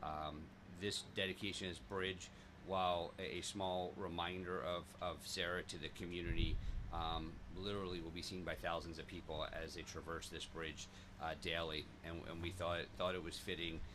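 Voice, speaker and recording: A man speaking at a podium microphone as emcee of a formal dedication ceremony, halting, with many fillers and restarts. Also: deep voice, flat delivery. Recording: noisy outdoor ambience.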